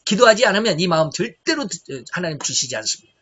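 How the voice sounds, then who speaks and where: Man preaching, high bright voice, rhetorical questions, dull lo-fi sound. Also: big pitch swings, quick pace, husky. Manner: emphatic preaching, rhetorical questions, shifting loudness. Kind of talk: sermon. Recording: dull lo-fi recording.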